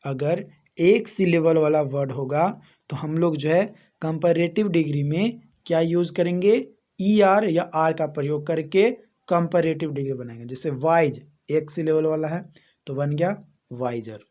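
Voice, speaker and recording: Slow, muffled Indian-accented male teacher. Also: fairly high pitch, a little mellow. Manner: explains slowly, repeats rules, asks rhetorical questions. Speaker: English teacher. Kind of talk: slow classroom explanation. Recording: muffled lo-fi recording.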